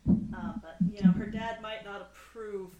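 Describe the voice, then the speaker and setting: A woman's voice: medium pitch, animated, measured pace, gravelly, narrow, tinny audio. A woman chatting casually as a player in a tabletop game. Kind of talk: casual chat. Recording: roomy sound with faint noise.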